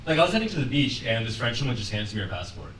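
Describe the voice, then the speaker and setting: A young man doing a conversational, deadpan stand-up set on a comedy club stage, laughing lightly at his own lines. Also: mid-range voice, very fast, background noise. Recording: roomy club sound from a distance, with audience laughter. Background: audience laughing.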